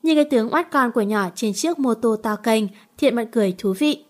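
A woman narrator reads a romance novel in a steady storytelling way. Her voice sits somewhat high. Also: a little fast. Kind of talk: audiobook novel reading.

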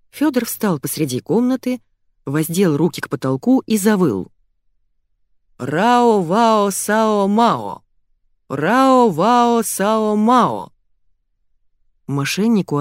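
A woman narrating an audiobook in first person, expressive and lively. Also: fairly low pitch, no room sound, clean studio sound.

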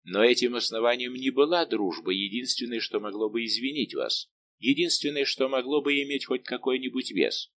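A man's voice: mid-range voice, lively intonation, moderate pace, fairly bright tone. A man reading an audiobook, voicing a haughty young king who questions and rebukes with indignation. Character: haughty young male king, imperious and angered.

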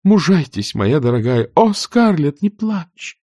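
A male narrator voicing a kind, gentle young woman in a soft, consoling voice for an audiobook. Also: fairly high pitch, big pitch swings, unhurried, no room sound, pitched above the performer's own voice. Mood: soothing.

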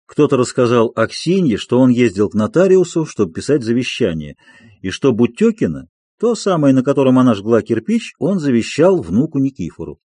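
Guy narrating an audiobook, lively up-and-down delivery, dark husky voice, dry close sound. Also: medium pitch, a little fast, no room sound. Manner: expressive literary reading. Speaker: audiobook reader. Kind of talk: scripted narration.

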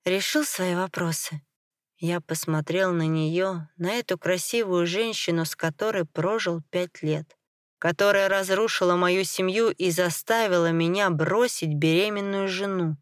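A woman reading a dramatic first-person story in a measured, grave way. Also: on the low side, clear, resonant tone, no echo, studio quality.

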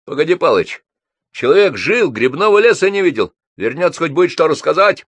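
A man's voice: fairly high pitch, big pitch swings, a little fast, a bit bright, slightly rough, dry recording, pitched above the performer's own voice, full character voice. A male reader voicing a bossy, insistent neighbor in a raised, folksy voice for an audiobook. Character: pushy loud middle-aged male neighbor.

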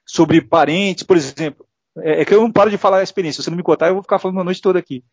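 A man's voice: high-pitched, very fast, husky, no echo. A middle-aged Brazilian man telling earnest personal stories as an interview guest, acting out the voices he quotes. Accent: Brazilian Portuguese. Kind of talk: casual interview testimony. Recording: dull lo-fi dry sound.

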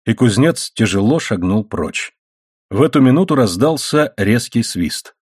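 A man narrating a novel as scripted audiobook narration, measured and expressive. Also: medium pitch, breathy edge, no echo, clean studio sound.

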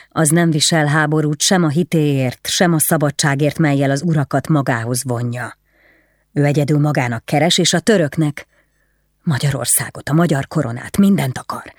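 Brief: stern, weary nobleman, read by the narrator, grave and hushed, close dry audiobook sound. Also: on the high side, dry recording, lightly acted. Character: grieving stern nobleman, duty-bound, weary.

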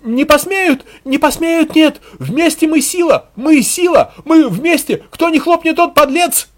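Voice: high-pitched, animated, a little slow, pitched above the performer's own voice. A reader voicing a hysterical male village propagandist who whips a crowd into shrieking chants. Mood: shrieking, fanatical.

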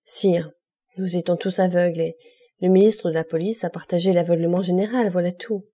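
A loyal courtier duke speaks up earnestly to defend a colleague, as a woman reads him in an audiobook. The voice is low and mellow, with a slight husk. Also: fairly even intonation, brisk, lightly acted.

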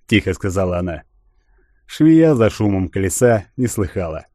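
A man reading a literary audiobook in a measured, even way. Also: low-pitched, no room sound, clean studio sound. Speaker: audiobook narrator.

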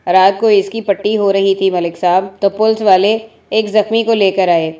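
A defiant, sharp-tongued wife snaps and scolds in a dark, mellow storybook voice, as a woman narrator plays her. Her talk is blunt and indignant. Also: mid-range voice, steady tone, lightly acted. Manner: snappy, scolding.

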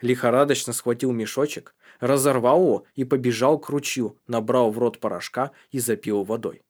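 A man narrates an audiobook in a tense, dramatic reading voice at a middling male pitch. His delivery is scripted and steady, carrying the suspense of the story. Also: normal speed.

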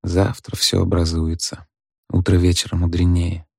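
A man's voice: low-pitched, monotone, normal speed, creaky, slightly rough, dry recording, studio quality, exaggerated voice. A man reading a story, voicing a meek, evasive husband who answers mildly and quotes proverbs. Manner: mild, placating, proverb-quoting.

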